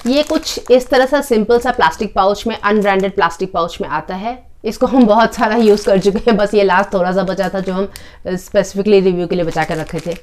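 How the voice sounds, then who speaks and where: A woman giving a casual product review with a live demo, in calm, unhurried descriptive talk with occasional fillers. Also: medium pitch.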